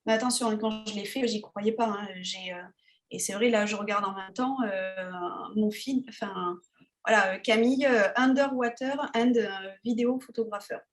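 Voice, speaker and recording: A woman's voice: medium pitch, moderate pace. A woman photographer talking casually as an interview guest, hesitant, with many fillers and restarts. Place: Tahiti.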